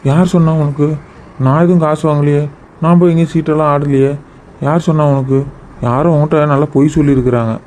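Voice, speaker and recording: Guy doing a sheepish village husband in a cartoon, mellow voice, always making excuses. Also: a little high, steady tone, fast, a little hiss or hum, natural voice, low-quality recording. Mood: defensive. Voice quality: defensive, excuse-making manner. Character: sheepish village husband who gambles away wages. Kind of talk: cartoon drama voice acting.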